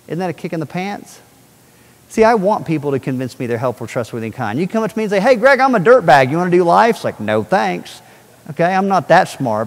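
A middle-aged man giving an energetic talk to an audience and often checking that they follow him. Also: fairly high pitch. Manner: animated, asks the audience questions often. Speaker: speaker on child safety. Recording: long hall reverb.

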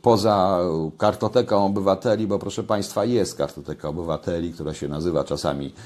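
With a deep, steady, slightly mellow voice and a brisk pace, an older man offers conversational commentary to camera from his kitchen at home. Key points get a push in volume, and the audio comes from a webcam on his desk.

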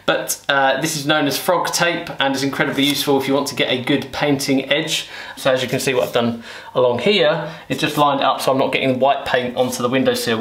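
A young British man with a medium-pitched, fairly bright voice gives a casual DIY update to camera as a property renovation vlogger. Standing in a half-finished room with the roomy echo of bare walls, he's chatty and self-deprecating, with a British English accent.

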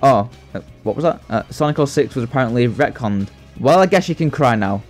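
Speaking a little fast and expressively at medium pitch, a young video essay host delivers scripted, sarcastic commentary full of jokes, swearing and mock exasperation. It's an indoor voice-over with music playing underneath.

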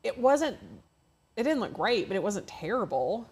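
A woman's voice: on the high side, very animated, normal speed, a little mellow, slightly rough. A woman co-hosting a casual craft livestream, reading viewer comments aloud and laughing often. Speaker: co-host reading live chat.

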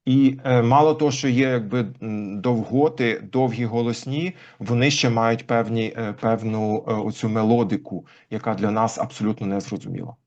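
A man as an interview guest, explaining language history thoughtfully with frequent pauses. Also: medium pitch, fairly even intonation, a little mellow. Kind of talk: conversational interview. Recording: dull lo-fi recording.

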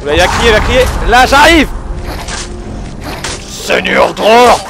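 Man, high voice, gameplay commentary, game music behind. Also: fairly quick. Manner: excitable, swears, shouts at the game. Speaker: gaming video host.

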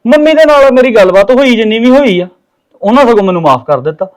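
A man's voice: very high-pitched, lively intonation, fast talker. A man playing a reproachful, fatherly elder brother. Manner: reproachful, lecturing. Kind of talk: Punjabi family drama acting.

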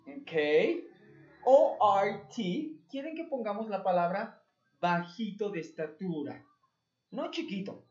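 Mexican lady teacher spelling english words slowly for little kids, lively up-and-down voice, roomy dull sound. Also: medium pitch. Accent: Mexican Spanish. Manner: slow, patient, spells words letter by letter; calls the pupils "hijos", praises often. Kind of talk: remote lesson for young children. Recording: roomy, dull lo-fi home recording.

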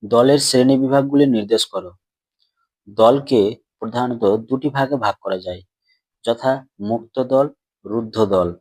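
Male grammar teacher, mid pitch, patient and repetitive, drawn-out words, dry close mic. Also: a little mellow, dry recording. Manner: patient, repeats questions and answers them himself; stretches out words slowly when splitting syllables. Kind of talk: classroom lesson explanation.

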